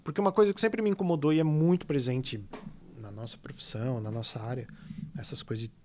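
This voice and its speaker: Slight background noise sits behind a medium-pitched, fast male voice with a São Paulo Portuguese accent. He is a guest illustrator from São Paulo state, Brazil, telling stories in a casual podcast interview, rambling animatedly with many fillers.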